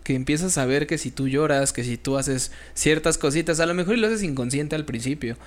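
A man co-hosting a casual chat in an animated way that slips into acted-out little voices. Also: fairly high pitch, fairly quick. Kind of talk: casual conversation.

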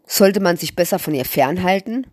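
A woman reading a children's story aloud in a calm, even storyteller manner, close to the mic. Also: lowish voice, normal speed, dry recording.

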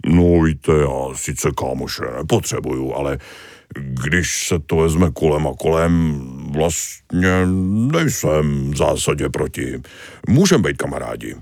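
A man's voice: rumbling low, lively intonation, vocal fry, darkish tone, dry recording, clean studio sound, full character voice. A man voicing a grumpy, self-pitying male starfish in a storybook reading, whiny and protesting. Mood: reluctant. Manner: whiny and protesting, slow pleading.

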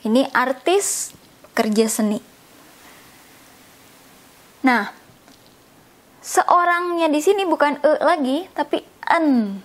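Woman, high voice, slow pace, patient teacher, repeats words, lesson explanation. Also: expressive. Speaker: English teacher.

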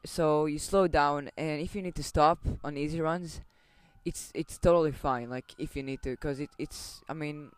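A young man co-hosting a casual podcast, giving relaxed, reassuring advice with lots of fillers. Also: on the high side, normal speed, smooth, no room sound. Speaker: podcast co-host. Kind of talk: casual chat.

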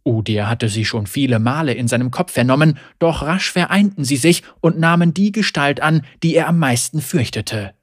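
Husky-voiced male fantasy narrator. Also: on the high side, lively intonation, no room sound, clean studio sound. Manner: measured, grave storytelling. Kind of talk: scripted fantasy story narration.

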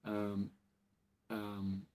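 His voice is lowish, monotone, and warm, and he speaks extremely slowly. He is a man in his forties from South Africa and Portugal, the founder of a dental clinic, chatting casually in an interview in its office and wandering through stories with lots of fillers.

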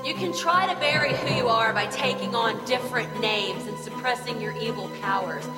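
An actress plays a wicked film sorceress declaiming with slow theatrical villain menace. Her voice is fairly high and rings through a long, echoing hall, with loud score music underneath. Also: close to an everyday voice. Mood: taunting menace.

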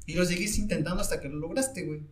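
A man's voice: high voice, quick pace. A man with a Mexican accent, a private driver, telling anecdotes in casual chat and acting out the people in them. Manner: animated storyteller, acts out voices in anecdotes.

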